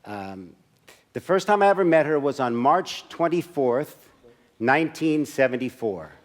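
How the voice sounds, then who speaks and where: A man's voice: mid-range voice, lively intonation, unhurried. Man in his 60s telling a life story. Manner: conversational, acts out scenes with asides to the audience. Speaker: solo stage performer. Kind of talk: autobiographical storytelling monologue. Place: church service.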